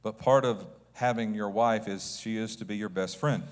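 Male pastor with a lowish voice, joking sermon delivered in short bursts for translation, long hall reverb. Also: fairly even intonation. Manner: humorous, short phrases paused for translation. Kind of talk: preaching through an interpreter.

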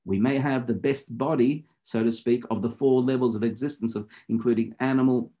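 A man teaching meditation in deliberate, measured phrases, in the instructive style of a spiritual lecture and guided practice. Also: mid-range voice, fairly even intonation, dark tone.

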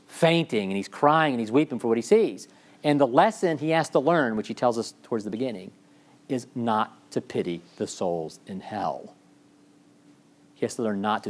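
A male lecturer talking through his material in a loose, discursive way. He often pauses on fillers, restarts his sentences and checks in with his listeners before moving on. His voice sits at an ordinary middle pitch. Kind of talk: classroom lecture.

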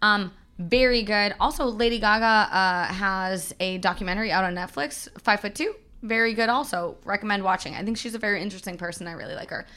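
A woman's voice: medium pitch, fairly quick, few pauses, pushed and bright. Woman, podcast co-host, casual chat, rambling, laid-back.

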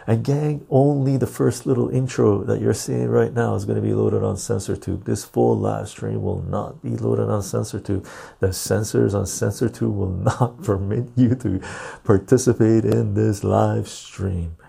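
A man with a fairly low, very creaky voice chats casually to his live stream viewers through a clip-on lapel mic. His delivery is laid-back and jokey, with a husky edge. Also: fairly even intonation, a little slow, dark tone. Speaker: live stream and podcast host. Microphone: lapel mic clipped on.

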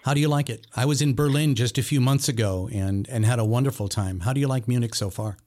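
A middle-aged man hosting a podcast, reading a measured, emphatic introduction and then chatting with his guest. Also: medium pitch, darkish tone. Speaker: podcast host. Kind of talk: scripted intro then conversational interview.

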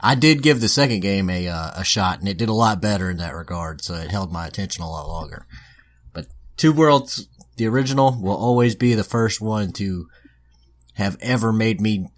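A man co-hosting a casual podcast chat, telling stories with swearing and lively animation. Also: on the low side, moderate pace. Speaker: podcast co-host.

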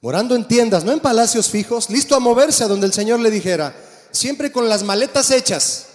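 A man preaching a sermon as pastor, animated and asking the congregation questions. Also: extremely high pitch, fairly quick. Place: church. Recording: long church reverb.

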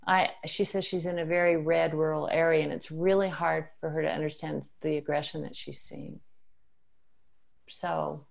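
Gravelly low-voiced woman co-host. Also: level tone, moderate pace. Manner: engaged, frequent affirmations. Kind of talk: casual discussion on a video call.

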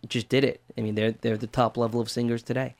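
A man's voice: mid-range voice, flat delivery, fast, vocal fry, a little mellow. A man working as a voice teacher, answering interview questions in an earnest, step-by-step way.

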